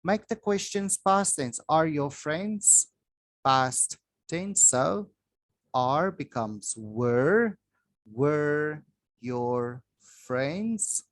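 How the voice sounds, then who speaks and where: A man teaching English to children, reading a grammar worksheet aloud slowly with long pauses, recorded on a phone over a desk. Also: fairly high pitch, no room sound. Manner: slow, drawn-out reading with pauses. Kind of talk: slow worksheet walkthrough for children. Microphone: phone filming a worksheet from above.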